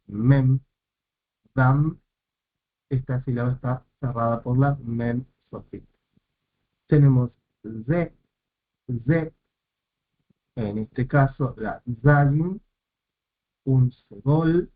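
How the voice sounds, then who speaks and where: A male teacher explains a lesson step by step at an unhurried, deliberate pace. He repeats each term before moving on, in a voice of middling pitch. The recording is narrow and tinny, like a phone line. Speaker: Hebrew teacher.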